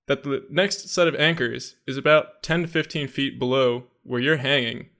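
A man hosting a casual talk show, easygoing and quick to laugh, walking his guest through hypothetical situations. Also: mid-range voice, fairly bright tone. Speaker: podcast host. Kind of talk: casual chat.

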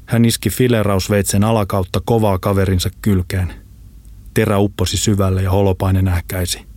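Deep-voiced male audiobook narrator. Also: no room sound. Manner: steady, measured reading. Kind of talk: scripted narration.

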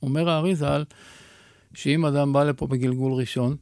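A man's voice: a little high, fairly even intonation, darkish tone, dry recording. Man teaching in a dry studio. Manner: measured, teacherly, asks rhetorical questions. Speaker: rabbi and guest. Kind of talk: explaining Kabbalah teachings.

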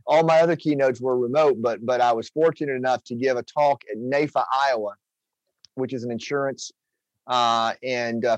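An eager male podcast host talking in a loose, rambling way, circling back on his own sentences. His voice sits at an ordinary middle pitch, recorded close and dry with no room sound. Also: dry recording, rough recording. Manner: enthusiastic, rambling with restarts. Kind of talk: casual interview chat.

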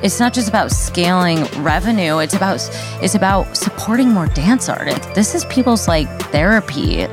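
Low voiced woman, chatty and loose, lots of "like", music clearly behind her. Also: animated, normal speed, few pauses. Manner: loose and conversational, uses "like" often. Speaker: dancer and guest. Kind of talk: casual talk in a teaser clip.

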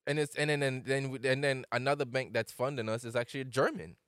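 Late-20s dude hosting a chill convo, smooth voice, dry mic, rambles a lot. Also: male voice, mid-range voice, fairly even intonation, fast, fairly bright tone, no echo. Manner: loose, rambling, slangy. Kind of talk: casual chat.

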